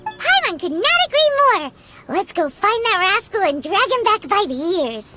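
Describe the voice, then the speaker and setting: Squeaky tiny fairy companion. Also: female voice, very animated, normal speed, music in the background. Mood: exasperated. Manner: refers to self in third person, squeaky. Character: tiny childlike fairy companion, chirpy and cheeky. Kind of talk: video game character acting.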